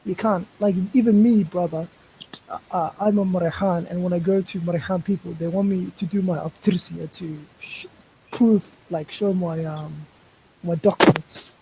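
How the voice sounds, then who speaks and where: Man, panel guest, high voice, mellow tone, halting starts then firm, faint hiss. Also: fairly even intonation, poor audio. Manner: hesitant starts, repeats words, then speaks firmly. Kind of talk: casual online panel discussion. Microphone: voice call over a live stream.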